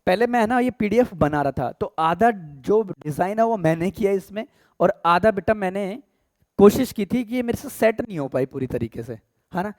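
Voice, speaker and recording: An Indian-accented man teaching English grammar, chatting with his students and checking often that they follow. He slows down to read each English example aloud. The recording is dry and close, with no room echo. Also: high-pitched, lively intonation, a little mellow. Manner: addresses students as beta and pyare bachche, asks "theek hai?" often. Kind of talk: casual Hindi-English lesson.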